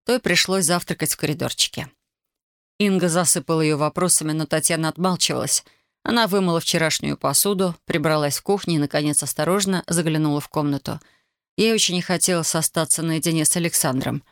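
An audiobook narrator reading a novel in a steady, dramatic manner. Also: medium pitch, a little fast, no room sound, clean studio sound.

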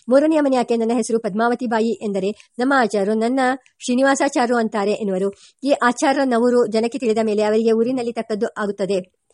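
A woman reading a memoir aloud as an audiobook, at a steady pace that slows for the verses and quoted speech. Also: a little high, no room sound, clean studio sound. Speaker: audiobook reader. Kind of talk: read-aloud memoir narration.

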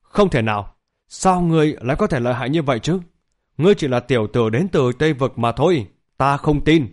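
A man voicing an arrogant young noble warrior, cold and scornful as he shouts. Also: medium pitch, animated, moderate pace, natural voice. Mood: furious.

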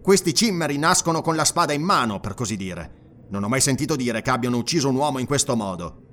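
A shrewd male inquisitor, voiced by a man narrating, weighs every clue in a probing, measured way. His speech rises and falls expressively. This is an audiobook reading. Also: mid-range voice, expressive, a bit bright, natural voice. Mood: musing.

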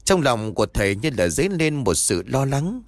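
A man's voice: mid-range voice, big pitch swings, moderate pace, no room sound. A man narrating a horror story in a dramatic, suspenseful way, recorded close to the mic.

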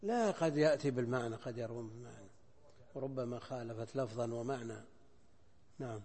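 An older Islamic scholar gives a recorded lecture explaining a hadith text, speaking deliberately, repeating phrases and weighing options aloud. His medium-pitched voice is slightly husky and dark, echoing with the long reverb of a large hall.

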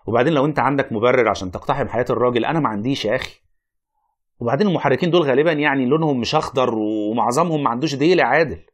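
A man's voice: mid-range voice, close to an everyday voice. An actor playing a wry, reluctant, learned Egyptian man who argues, explains and narrates in a radio play.

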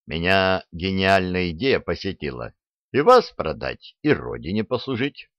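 A man's voice: low-pitched, expressive, a little slow, no room sound, muffled recording. Sly double agent Butler, read by a man. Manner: sly, boastful storytelling. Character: cunning sly male double agent sergeant.

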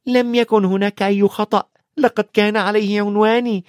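A man doing young Harry, shrill and indignant. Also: fairly even intonation, normal speed, no echo, clean studio sound, close to an everyday voice. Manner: high, strained, insistent cries.

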